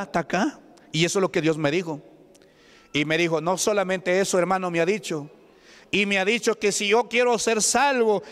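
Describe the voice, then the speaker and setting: A high-voiced Peruvian man preaches to his congregation, firing questions at them and waiting for their answers. His tone is smooth and resonant, and a long church-hall reverb trails every line. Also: a bit bright. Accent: Peruvian Spanish. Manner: questioning the congregation, call-and-response. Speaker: pastor. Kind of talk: Pentecostal sermon.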